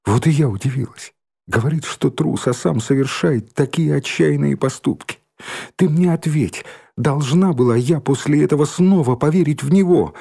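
Man voicing a lively schoolgirl, emphatic, gravelly reading voice, storybook. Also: on the high side, normal speed, voice pushed up. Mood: eager. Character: stubborn lively schoolgirl, the heroine.

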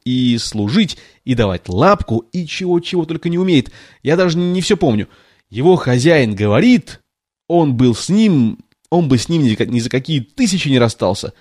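A man's voice: on the high side, darkish tone. A man voicing a chatty, tactless little girl who gushes and rambles in a storybook reading. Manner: gushing, rambling, apologetic chatter.

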